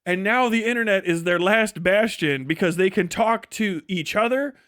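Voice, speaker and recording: On his livestream, the host rants casually, swearing and sarcastic, animatedly acting out imagined conversations. His voice sits high and he talks at a normal speed.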